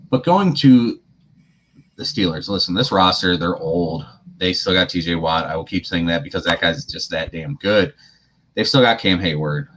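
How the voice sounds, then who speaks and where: A man co-hosting a sports podcast, chatting casually and giving opinionated, animated takes. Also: deep voice, a little hiss or hum. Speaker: podcast co-host.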